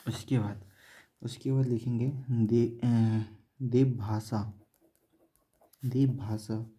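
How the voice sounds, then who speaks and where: Male teacher, husky and dark, drills a grammar lesson word by word and answers his own questions. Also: mid-range voice. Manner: slow, repeats each word, asks and answers own questions; says "theek hai" after nearly every point. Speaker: Sanskrit teacher.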